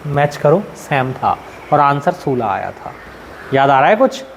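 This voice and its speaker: A man's voice: medium pitch, big pitch swings, measured pace, gravelly, a little hiss or hum. A male teacher from central India giving a classroom lecture, explaining step by step with everyday examples and constantly asking his students questions.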